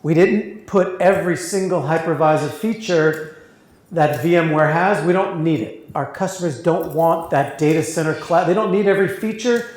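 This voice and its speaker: A man presenting his company's product at a live event, talking briskly and chatting with the audience. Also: fairly high pitch. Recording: very echoey room audio.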